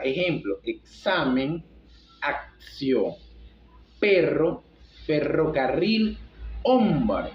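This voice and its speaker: A man's voice: fairly high pitch, slight background noise. A man reading a school lesson aloud from his notes, stumbling and restarting words now and then. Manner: reads from notes with halting restarts. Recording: echoey room, dull lo-fi sound.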